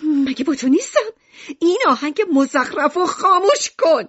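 A woman voicing a fed-up, scolding middle-aged mother in an audiobook, impatient and sharp-tongued. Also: high voice, sing-song, lo-fi sound. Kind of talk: audiobook character voice.

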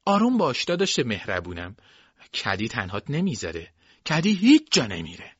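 A man's voice: medium pitch, wildly swooping pitch, breathy edge, dry recording. Brief: man playing a young girl, fearless and stubborn, raised voice; dry lo-fi reading. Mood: tender. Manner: defiant. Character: defiant young girl, tender to her brother.

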